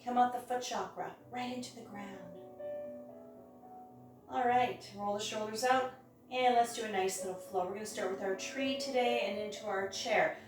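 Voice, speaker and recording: A woman teaching a hatha yoga class, guiding each step in a careful, unhurried way. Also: mid-range voice, fairly even intonation. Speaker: yoga instructor. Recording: very echoey room, distant mic, music.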